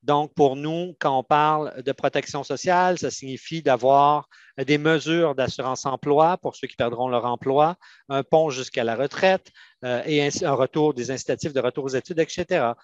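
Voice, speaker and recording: This Quebec-accented Canadian man serves as a union adviser on an online panel, working through answers methodically and haltingly. The highs are cut off in the recording, which has no room sound, and his voice is mid-range.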